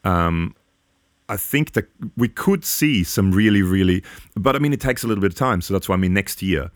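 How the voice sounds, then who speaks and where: A man's voice: low voice, lively intonation, moderate pace, no room sound, clean studio sound. A man in his forties co-hosting a podcast, giving earnest, long, rambling opinions in casual chat. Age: 40s. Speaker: podcast co-host.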